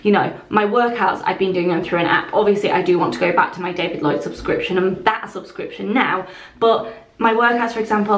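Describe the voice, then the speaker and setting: A young woman in her twenties chatting enthusiastically to camera in a casual vlog. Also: medium pitch. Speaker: lifestyle vlogger. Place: bedroom walk-in wardrobe, indoors. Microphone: camera on a stand, close. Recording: roomy echo.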